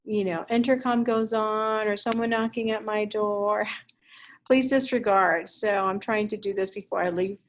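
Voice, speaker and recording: A woman's voice: medium pitch, steady tone, unhurried, a little hiss or hum, low-quality recording. Chatty woman teacher from Puerto Rico. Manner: chatty, warm-hearted rambling with fillers. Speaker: Spanish teacher. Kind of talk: recorded introduction to parents. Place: classroom.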